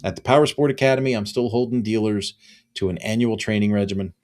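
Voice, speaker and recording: A man's voice: fairly low pitch, fast talker, a little mellow. A man in his fifties, a business consultant talking alone to camera, earnest and repeating phrases for emphasis. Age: 50s. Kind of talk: solo promotional talk to camera.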